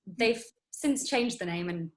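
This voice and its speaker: A woman's voice: medium pitch, expressive, measured pace, poor audio. A woman in her thirties, raised in the UAE, guest on an interview, talking casually in a rambling way with many fillers and restarts. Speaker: guest actress.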